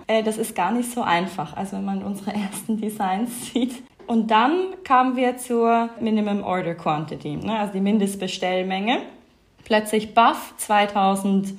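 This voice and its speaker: A woman in her thirties from Switzerland with a Swiss accent, a company co-founder chatting as a podcast guest with many fillers and frequent laughs. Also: medium pitch. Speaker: fashion label co-founder, guest. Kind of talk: casual podcast interview.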